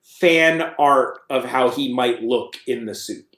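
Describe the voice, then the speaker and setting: A man co-hosts a loose, chatty podcast, trading opinions in an animated way and breaking into mock screams. His voice sits at an ordinary pitch, and it rings out in a noticeably echoey room. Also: takes it slowly. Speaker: co-host. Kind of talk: casual podcast chat. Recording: roomy echo.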